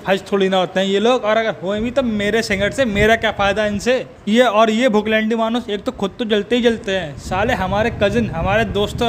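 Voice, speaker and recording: A man's voice: high voice, a little hiss or hum. A man delivering a profane, mocking comedic rant. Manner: abusive, mocking rant with frequent swearing. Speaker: comedic roaster.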